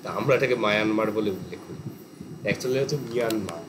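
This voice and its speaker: A man's voice: on the low side, rapid-fire. A male teacher with a West Bengal Bengali accent, lecturing in a class and explaining terms at length with English words mixed in. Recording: air conditioner hum behind.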